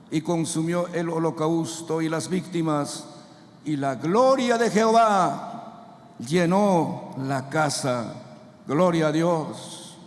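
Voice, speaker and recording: Male pastor, fervent sermon, unhurried delivery, long church reverb. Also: a little high. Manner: fervent preaching with call-and-response to the congregation. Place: church sanctuary.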